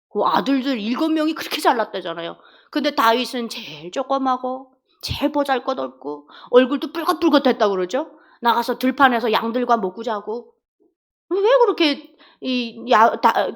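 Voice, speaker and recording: Lively high-pitched woman preaching a sermon. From North Korea. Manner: animated storytelling sermon, acts out dialogues, asks the congregation questions. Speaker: deaconess preaching.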